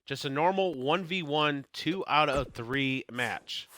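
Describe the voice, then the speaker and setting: An e-fed wrestling streamer and commentator gives informal live play-by-play of a wrestling game, talking through his slips as his voice starts to give out. He speaks slowly with a fairly high, fairly bright voice, and the game's crowd noise plays in the background.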